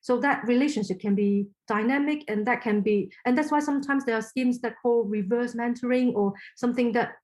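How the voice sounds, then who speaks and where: A woman from Hong Kong whose first language is Chinese speaks as a podcast guest. Her voice sits a little high. She talks thoughtfully, pausing on fillers and restarting her sentences. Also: a little mellow, low-quality recording. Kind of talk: casual interview talk.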